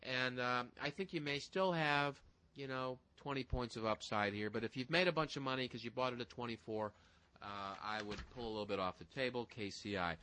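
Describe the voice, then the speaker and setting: A man co-hosting a casual financial talk show, walking through stock numbers in a brisk, folksy way and speaking straight to listeners. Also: medium pitch, pushed and bright, rough recording. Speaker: stock-picking co-host.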